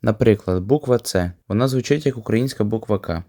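A man teaching a language lesson on video, explaining calmly and patiently. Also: lowish voice, brisk, no room sound, studio quality.

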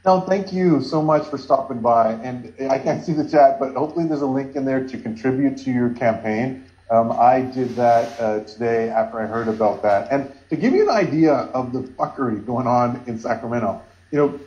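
Brief: man in his 40s, chairing a video call, medium pitch, dull lo-fi laptop sound. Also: normal speed, dark tone. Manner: earnest, gesturing with both hands. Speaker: caucus meeting chair. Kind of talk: online meeting remarks. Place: home room with bookshelves.

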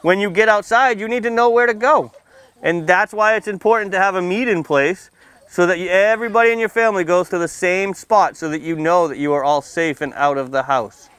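Speaking fairly quickly in a smooth, high, fairly bright voice with no room sound, a man gives children a simple safety talk as a firefighter. He's outdoors under a tent canopy beside a building, facing a small seated audience. Playful and teasing, he asks frequent questions and checks in with "okay" and "right."

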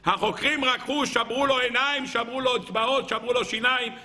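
A man's voice: very high voice, steady tone, sharp tone. A male rabbi giving a sermon, telling a story dramatically and acting out its voices.

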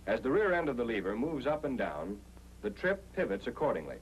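The narrator of this old military training film is an American man whose medium-pitched voice swoops wildly as he explains things step by step at a fairly quick clip. The 1940s-style audio is noisy and humming, with the highs cut off.

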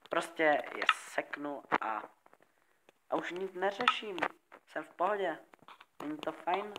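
A young man talking quietly and rambling with lots of fillers as he comments on his own gameplay. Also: a little high, sing-song. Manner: soft-spoken, rambling with many fillers. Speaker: gaming YouTuber. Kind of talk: casual Let's Play commentary. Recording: loud background noise.

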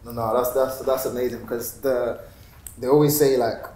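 A man's voice: medium pitch, little pitch movement, moderate pace, mellow. A man hosting a casual podcast interview, asking long, looping questions with repeated words. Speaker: podcast host. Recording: roomy studio with faint hiss.

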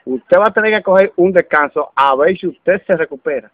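A man with a Dominican accent telling a comic story casually, halting and repeating words as he goes. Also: high voice, narrow, tinny audio. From Dominican Republic.

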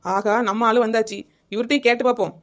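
A woman's voice: fairly high pitch, fairly even intonation, fast talker, close to an everyday voice. A woman voicing a chatty, meddling young village woman in a cartoon comedy, with a Kanyakumari Tamil accent.

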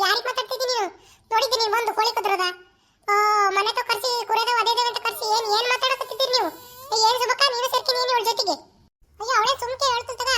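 A woman's voice: very high voice, bright, forceful tone. A woman voicing a quarrelsome village woman in a cartoon, defending herself against a charge of stealing hens, with a scolding, defensive manner. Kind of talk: cartoon voice acting.

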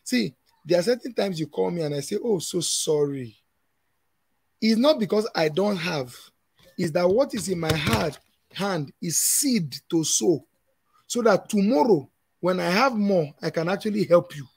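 Emphatic Nigerian man, gravelly husky voice. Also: sits high, lively intonation, moderate pace. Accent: Nigerian English. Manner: emphatic, preachy, laughs often. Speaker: conference speaker. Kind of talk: conference panel answer.

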